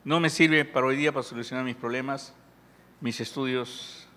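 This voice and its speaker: A man's voice: mid-range voice, fairly even intonation, moderate pace, a bit bright. Peruvian man preaching in an echoing hall. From Peru. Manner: conversational, jokes with the audience, asks questions. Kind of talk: sermon with audience questions. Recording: long hall reverb.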